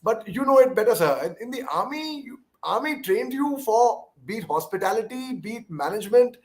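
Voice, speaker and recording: High-pitched Indian man, deferential and emphatic. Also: expressive, fairly quick. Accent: Indian English. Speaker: interviewer and former army officer. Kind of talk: conversational interview.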